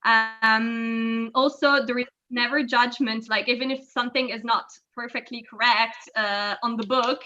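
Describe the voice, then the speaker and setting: A woman teaching English on a video call, patient and explaining slowly with many fillers. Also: on the high side, steady tone, bright, forceful tone, highs cut off. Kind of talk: online language lesson.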